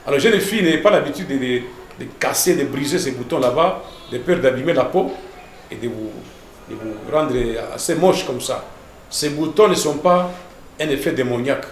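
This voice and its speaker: Pastor teaching in an echoey room. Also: male voice, medium pitch, lively intonation, moderate pace, slight background noise. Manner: didactic, repeats words and tags lines with "hein" and "n'est-ce pas".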